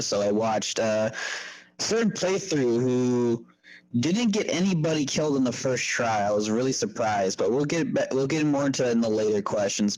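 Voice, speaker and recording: Man chatting on a cheap, poor-quality mic. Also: medium pitch. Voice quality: lo-fi cheap microphone sound. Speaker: podcast guest. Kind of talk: casual chat. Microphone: cheap microphone on online group call.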